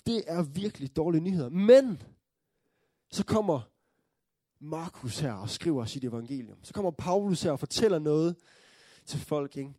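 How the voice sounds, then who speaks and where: A man preaching a sermon, telling the story earnestly, checking in with his listeners through tag questions and building to joyful excitement. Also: fairly high pitch, pauses often, dry recording, clean studio sound.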